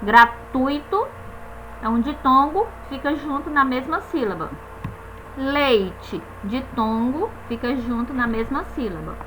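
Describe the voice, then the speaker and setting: High bright-voiced woman teaching grammar. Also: a little hiss or hum, low-quality recording. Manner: stresses each example word slowly, spells out letters, tags "né?". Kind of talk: grammar lesson explanation.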